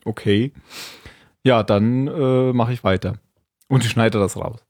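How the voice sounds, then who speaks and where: A man's voice: medium pitch, fairly even intonation, slow pace, a little mellow, no echo, studio quality. A man hosting a podcast, casually recapping an episode in a conversational way. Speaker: podcast host.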